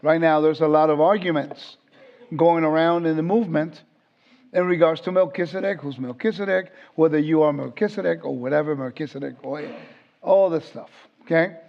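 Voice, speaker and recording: A Puerto Rican man in his fifties teaches an informal Bible lesson, conversational and often quizzing his class with questions. His fairly high, creaky voice moves at normal speed, and the recording sounds dull and lo-fi.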